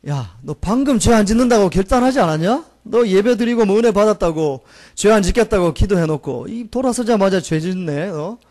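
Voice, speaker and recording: Mocking accusing devil voiced by a man, scornful and needling, somewhat high voice, quiet and low-key. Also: expressive, brisk, few pauses. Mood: scornful taunting. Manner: scornful, needling, speaks down to listener. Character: taunting accusing male Satan whispering guilt.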